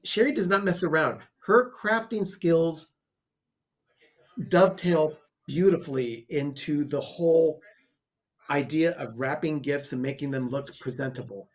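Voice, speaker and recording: A man's voice: fairly high pitch, a little slow. A man co-hosting a casual movie watch party from his dining room, chatting and greeting viewers. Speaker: co-host.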